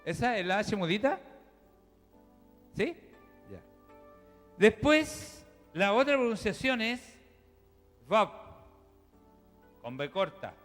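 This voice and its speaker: Pastor guy, high voice, chatty teaching sermon, long church echo, music behind. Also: a bit bright. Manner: teaching, chatty, addresses the congregation directly. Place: church hall. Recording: reverberant church hall with music.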